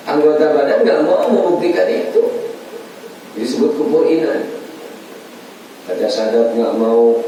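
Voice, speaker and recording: A man's voice: fairly high pitch, warm tone, slight background noise. A man teaching a class on Quran commentary in a colloquial way. He asks and answers his own questions and acts out the speech of the people he describes. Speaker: religious teacher. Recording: very echoey room, distant mic, faint ambience.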